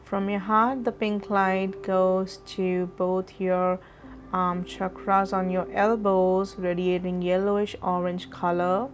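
A woman leading a guided chakra meditation in a slow, soothing, instructive way. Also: mid-range voice, flat delivery. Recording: slightly dull audio with faint music.

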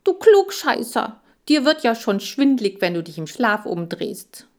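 A woman's voice: mid-range voice, very animated, measured pace. A woman voicing a plucky, boastful male hamster who talks in a bold, cocky way. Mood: mocking.

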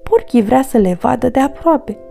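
A woman reading a children's storybook aloud, gentle and expressive. Her voice sits a little high yet sounds mellow and gravelly. Faint music plays underneath.

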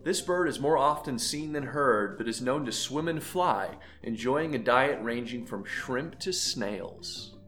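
A man's voice: mid-range voice, expressive, unhurried, few pauses, a bit bright, soft background music. A man hosting an animal quiz, reading playful clues and teasing the contestants. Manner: jokey, teasing, laughs between lines. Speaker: quiz host.

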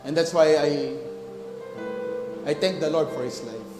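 In a reverberant hall with soft music playing faintly, a high-voiced pastor takes his time delivering a sermon in Tagalog sprinkled with English. He begins with a story from his childhood and climbs toward forceful, emphatic preaching.

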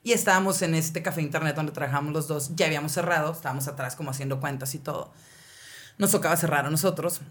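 A woman with a Mexican accent tells a personal story as a podcast co-host. Her delivery is animated and slangy, full of fillers and quick asides. It sounds like a casual chat between friends. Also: low voice. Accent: Mexican Spanish.

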